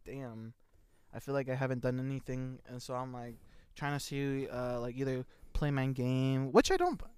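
A man's voice: medium pitch, darkish tone, smooth, no echo. A young man co-hosting a podcast, chatting casually and laughing often as he rambles. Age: young adult. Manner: laughs often, loose rambling talk with many fillers. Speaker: podcast co-host.

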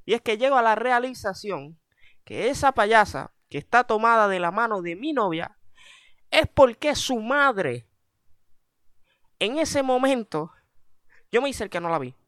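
Male storyteller, self-deprecating comic delivery, bright tone. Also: sits high, normal speed, clean tone, no echo, clean studio sound. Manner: animated, self-mocking, repeats punchlines. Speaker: comedic storyteller.

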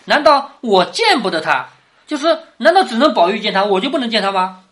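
A woman lecturing on classic literature in an easygoing, conversational way. Her pitch rises and falls constantly as she explains. She keeps drawing in the listener with rhetorical questions. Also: very animated, a little fast, a bit bright.

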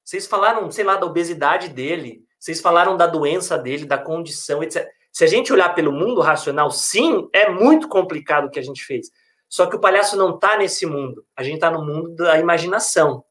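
A man who works as a hospital clown and researcher, talking in a casual, animated, slangy way. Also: a little high, a little fast. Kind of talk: casual conversation.

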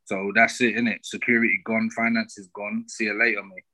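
Bright, forceful London roadman co-host. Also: on the low side, little pitch movement, fairly quick, low-quality recording. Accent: London, urban street. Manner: roadman slang, emphatic rhetorical questions. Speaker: podcast co-host. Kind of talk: casual opinionated chat.

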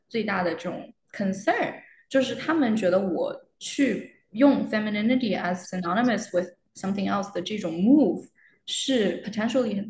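A young adult woman, a doctoral candidate guest, chatting casually about her research and moving between Chinese and English mid-sentence with many fillers. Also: mid-range voice. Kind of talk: casual academic chat. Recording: roomy with faint noise.

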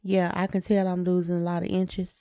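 This podcast co-host is a woman with a lowish, warm voice who talks briskly in a monotone. Her casual, plain conversation is full of repeated short phrases.

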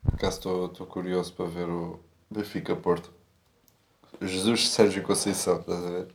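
A man's voice: low voice, flat delivery, fairly quick, gravelly. A young man in a casual chat, talking in slang and swearing freely. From Portugal. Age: young adult. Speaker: podcast co-host.

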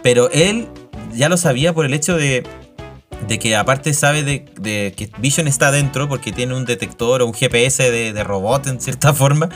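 A man's voice: mid-range voice, moderate pace, soft background music. Chilean man in slangy casual chat. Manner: slangy, joking, self-interrupting. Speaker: podcast co-host. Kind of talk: casual chat about a TV series.

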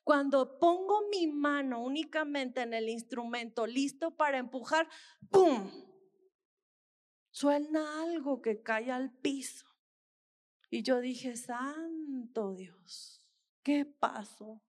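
Woman, high voice, slow earnest testimony, preaching to the congregation. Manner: earnest storytelling, repeatedly addressing listeners as brothers. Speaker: missionary dentist.

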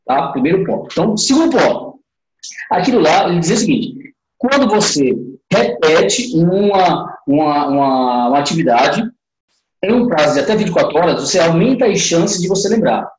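A man's voice: a little high, expressive, normal speed, reverberant, a little hiss or hum, poor audio. A man giving a casual live lesson, talking straight to his viewers with lots of fillers. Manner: chatty, talks straight to viewers with many fillers. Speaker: teacher on a live class.

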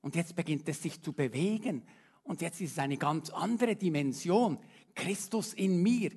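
A man preaching a sermon, earnest, swinging between emphatic appeals and quiet, intimate passages. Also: a little high, animated, moderate pace, slightly rough. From Switzerland.

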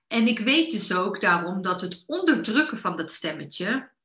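Woman with a bright voice, coaching chat, lots of ums and restarts, echoey room. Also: mid-range voice, very animated, moderate pace. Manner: coaching, many fillers and restarts, acts out inner voices. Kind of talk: casual talk.

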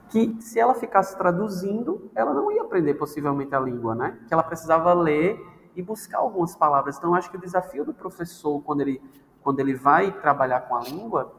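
A Brazilian language teacher chats animatedly and casually on a podcast, playfully acting out the voices he quotes. His high voice is a bit bright and has vocal fry. The recording carries long reverb and faint background noise.

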